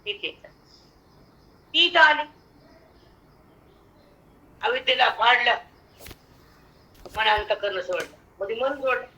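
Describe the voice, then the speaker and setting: An older woman with a Marathi accent giving a devotional discourse on scripture, slowly chanting verses and then explaining them in lively spoken asides. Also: fairly high pitch, rough recording. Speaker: spiritual teacher expounding scripture.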